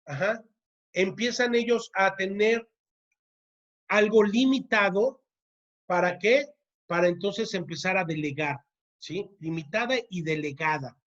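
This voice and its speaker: This church teacher leads a parenting class in an unhurried, medium-pitched, fairly bright voice, with long pauses and lo-fi sound. She checks in with listeners by repeatedly asking "¿sí?" and repeats key words to drive them home.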